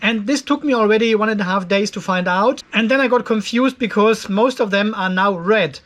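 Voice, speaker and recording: Talking a little fast in a high, slightly bright voice, the fifty-something host of an off-grid solar channel walks through a topic step by step. His casual to-camera vlog is conversational and openly critical, set in a cluttered garage workshop.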